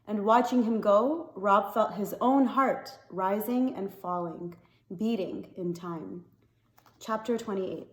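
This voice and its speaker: Woman calmly reading a story aloud. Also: medium pitch, slow, echoey room. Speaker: reader. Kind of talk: reading a children's novel aloud.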